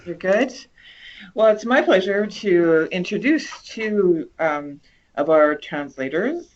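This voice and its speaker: A woman's voice: on the low side, lively intonation, slow pace, a little mellow. A woman hosting an informal event and introducing the next speakers. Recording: dull, muffled online meeting audio.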